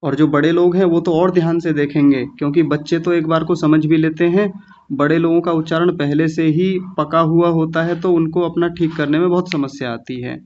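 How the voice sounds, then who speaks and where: A man teaching Sanskrit recitation in an online class, patiently drilling each syllable slowly and repeating words. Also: on the high side, steady tone, darkish tone. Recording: dull lo-fi online class audio.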